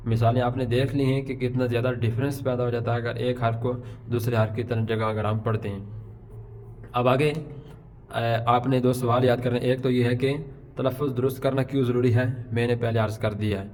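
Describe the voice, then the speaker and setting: A middle-aged man teaches letter sounds to beginners at an ordinary mid pitch. He explains patiently and slowly stretches each example letter so learners can copy it. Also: level tone, a little mellow, a little hiss or hum. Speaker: Quran pronunciation teacher. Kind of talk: Urdu alphabet lesson.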